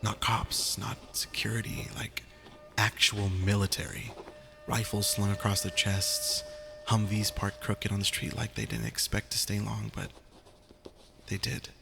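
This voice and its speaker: Young male apocalypse survivor, acted by a man: lowish voice, weary, wry, confiding journal delivery, clear music underneath. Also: level tone, unhurried, bright, forceful tone, exaggerated voice. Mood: somber, subdued. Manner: hesitant, confiding, informal. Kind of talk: first-person audio journal drama.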